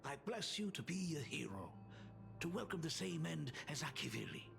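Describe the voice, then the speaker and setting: An actor playing a solemn, aging father in a video game, with an old man's gravelly voice and a grave, wistful delivery. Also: on the high side, big pitch swings, normal speed, over music, full character voice. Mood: solemn, tender. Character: solemn aging father, fatherly artist burdened by family curse. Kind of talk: dramatic video game voice acting.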